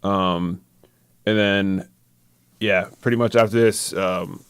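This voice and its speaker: A young man with a very deep voice, recorded dry and close. He talks through the matches move by move in casual podcast chat, filling pauses with um and yeah. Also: fairly even intonation, smooth, no room sound. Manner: gives opinions and calls moves in order, with many ums and yeahs. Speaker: podcast co-host.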